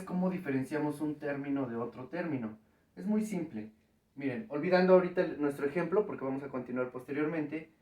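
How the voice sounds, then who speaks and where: In this recorded math lesson, a man at the board explains things patiently step by step and keeps checking on his students. His voice is fairly high and slightly mellow, picked up from a distance in a room with noticeable echo.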